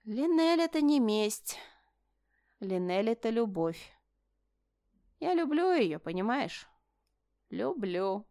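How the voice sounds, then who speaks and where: A woman's voice: fairly high pitch, big pitch swings, takes it slowly, long pauses, warm tone, no echo, studio quality, exaggerated voice. Sneering storybook nobleman, taunting and sing-song, voiced by a woman narrator. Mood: smug. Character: sneering mocking male noble brother, smug.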